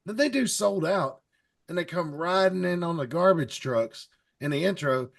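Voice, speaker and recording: A man with a gravelly, fry-heavy voice talking casually on a podcast panel. His pitch sits slightly high for a man. He rambles and hesitates, with frequent fillers. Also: animated, normal speed. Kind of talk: casual chat.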